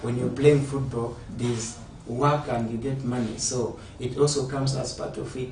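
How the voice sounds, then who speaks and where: A man from South Sudan, a footballer, answering interview questions in an earnest, steady way. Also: medium pitch, moderate pace, gravelly. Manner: earnest, steady, explaining at length. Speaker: footballer guest. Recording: echoey room, distant mic, ambient noise.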